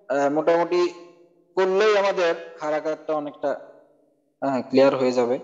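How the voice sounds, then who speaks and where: A high-pitched man leads an online recitation lesson, patiently sounding out syllables one by one. The audio is muffled and carries a long echo. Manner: patient, repeats syllables slowly for students. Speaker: Quran recitation teacher. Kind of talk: online tajweed class, drilling letter sounds. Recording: dull, echoey online class audio.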